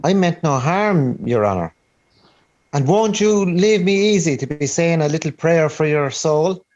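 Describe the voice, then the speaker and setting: A man's voice: a little high, expressive, a little slow, a little mellow, highs cut off, pitched above the performer's own voice. A man voicing a nervous, humble wandering tramp in a play reading. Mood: frightened. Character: uneasy wandering male tramp, wary and humble.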